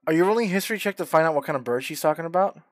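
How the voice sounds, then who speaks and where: A man's voice: fairly high pitch, expressive, racing, no echo, clean studio sound. A man acting as game master of a tabletop role-playing game, prompting players in an easygoing way with lots of fillers. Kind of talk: running a tabletop game over voice chat.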